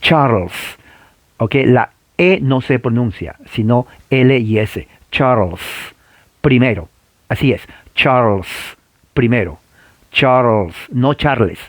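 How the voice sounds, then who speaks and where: A man's voice: mid-range voice, takes it slowly, no echo. Emphatic man teaching church history. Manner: emphatic, repeats key points and asks listeners to repeat; frequent filler "eh" and tag questions.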